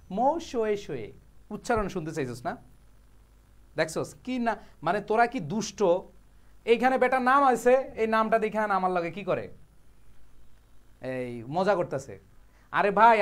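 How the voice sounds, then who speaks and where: High-voiced Bangladeshi tutor explaining. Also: male voice. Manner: reads English phrases slowly, then explains them in casual banter. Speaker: English tutor. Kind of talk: explaining a passage line by line.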